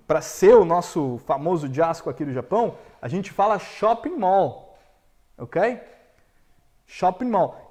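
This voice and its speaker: Lively Brazilian man teaching English. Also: sits high. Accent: Brazilian Portuguese. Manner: animated, quizzes viewers, repeats example sentences slowly. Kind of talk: live-streamed language lesson. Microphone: camera setup for a live stream.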